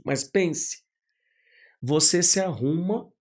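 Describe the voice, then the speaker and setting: A man's voice: fairly high pitch, slow. A man, a pastor talking as a guest on a podcast, telling stories with energy and acting out other people's lines. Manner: animated storyteller who acts out quoted voices. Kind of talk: casual podcast conversation.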